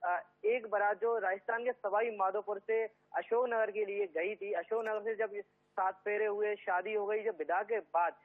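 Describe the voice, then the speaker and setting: A man reporting live from a police station, talking haltingly with many filler sounds as he recounts events. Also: high voice. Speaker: field reporter. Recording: tinny phone line.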